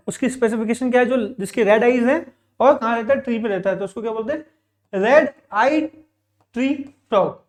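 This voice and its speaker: A male teacher giving a classroom vocabulary lesson. He asks his own questions, answers them in a repetitive drill and explains patiently with frequent check-ins. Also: very high voice. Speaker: English teacher.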